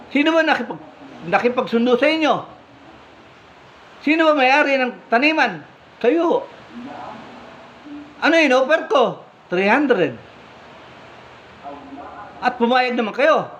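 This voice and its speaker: A man's voice: very high voice, lively intonation, a bit bright, exaggerated voice. A man playing a stern, fair vineyard owner. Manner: questioning, firm and deliberate. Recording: slightly muffled, faint background hum.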